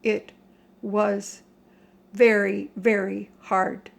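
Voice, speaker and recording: Older woman, American accent, slow halting delivery, creaky voice, plain-spoken, emphatic, casual home vlog rant. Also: medium pitch, level tone. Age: older, 60s or above. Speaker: home vlogger. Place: home kitchen.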